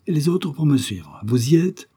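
A man's voice: on the high side, sing-song, normal speed, warm tone, husky, voice pushed up. A man voicing a pompous, blustering police commissioner who barks orders in a raised voice. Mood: commanding. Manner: bossy, repeats "no doubt about it".

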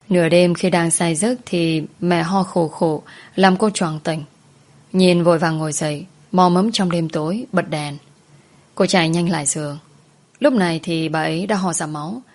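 A woman narrating a spoken story in a soft, even storytelling manner. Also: lowish voice. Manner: soft, even storytelling, voicing every character herself. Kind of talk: storytelling narration with acted dialogue.

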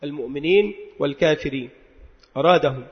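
High-voiced male teacher in an echoing hall. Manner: explains step by step, asks and answers his own questions; recites quoted verses more slowly. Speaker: religious teacher. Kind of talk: creed and grammar lesson. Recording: dull lo-fi recording with long reverb.

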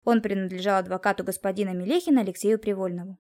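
A woman narrating a first-person detective novel in a steady storytelling manner. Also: mid-range voice, very fast. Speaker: audiobook narrator.

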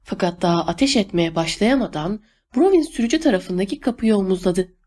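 A woman reading a novel aloud as an audiobook narrator, steady and measured. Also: mid-range voice, breathy edge. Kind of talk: scripted narration.

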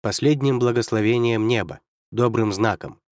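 A man voicing a cheerful, stocky young military officer in an audiobook, in a brisk, amused, raised voice. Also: mid-range voice, dry recording, clean studio sound, lightly acted. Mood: cheery, amused. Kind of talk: audiobook character voice.

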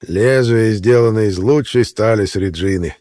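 A man's voice: on the low side, normal speed, mellow, lightly acted. A man voicing a sneering hitman in an audiobook. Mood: mocking. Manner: gloating, then panicked pleading. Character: menacing bearded male hitman, gloating. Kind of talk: audiobook character reading.

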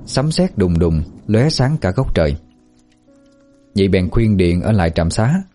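Low dark-voiced guy telling a horror story, soft music behind. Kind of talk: scripted horror narration.

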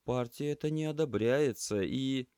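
A man's voice: mid-range voice, measured pace, a little mellow, clear, resonant tone, no room sound, clean studio sound, pitched above the performer's own voice, natural voice. A man doing a sulky grumbling girl student. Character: grumpy young female student activist.

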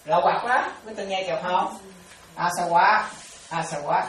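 In a mid-range voice and at a slightly fast pace, a woman teaching Buddhism repeats phrases and keeps asking her listeners whether they follow. A distant mic in an echoey room picks up faint ambience and a little hiss or hum.

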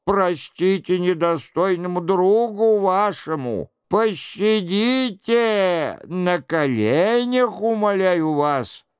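A man voicing a fat, cowardly monk who wails and pleads in a drawn-out, lamenting way. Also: sits high, smooth, dry recording, studio quality, voice pushed up. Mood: wailing.

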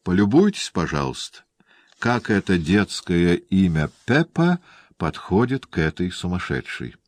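Man reading a grumbling old nobleman, sardonic, deep voice, dry sound. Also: sing-song, a little slow, dry recording, full character voice. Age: older. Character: old weary bitter nobleman.

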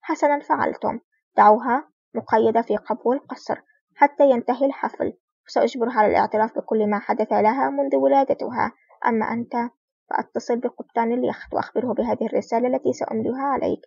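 A woman voicing a cunning female crime boss who speaks softly with a menacing edge. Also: on the high side, fairly even intonation, fast talker, creaky, slightly rough, dry recording. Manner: soft-spoken with a menacing edge. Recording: dull lo-fi recording.

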